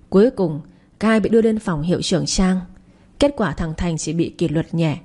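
A woman narrating a story in a steady, even way. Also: on the low side, husky.

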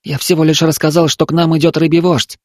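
A man's voice: fairly high pitch, flat delivery, fast talker, no room sound, clean studio sound, pitched above the performer's own voice, lightly acted. A man voicing a frightened, stubborn young village boy who pleads on the edge of tears in an audiobook. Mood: pleading.

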